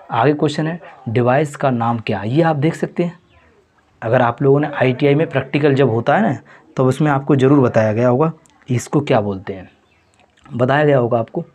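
This man teaches by working through exam questions from a mock test, repeating the answers and calling his viewers friends again and again. He has a husky, slightly breathy voice with a darkish tone and an ordinary middle pitch.

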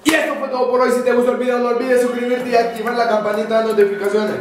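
A young man hosting a casual vlog in an upbeat, lively way, introducing and signing off. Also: very high-pitched, very fast, very echoey, distant mic, over loud music. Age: young adult. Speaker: vlog host.

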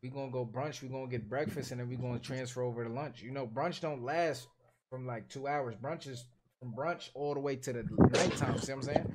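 A man's voice: mid-range voice, steady tone, fairly quick, a little mellow. A young man streaming from a bedroom on a headset, brashly teasing strangers on video chat with crude jokes. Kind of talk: casual trolling banter. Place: small bedroom with blinds.

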